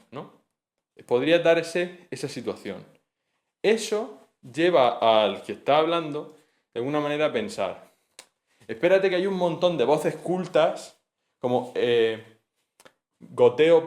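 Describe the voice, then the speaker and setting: Relaxed male teacher, talks through exam material conversationally, mid-range voice. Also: mid-range voice. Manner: chatty, thinks aloud with frequent "¿no?" and self-corrections. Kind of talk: casual exam-prep lecture.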